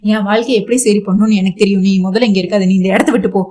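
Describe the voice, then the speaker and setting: A woman voicing a grieving young man who tries to send his wife away, in a fast, self-pitying retelling. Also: mid-range voice, fairly even intonation, dark tone, natural voice. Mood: sorrowful.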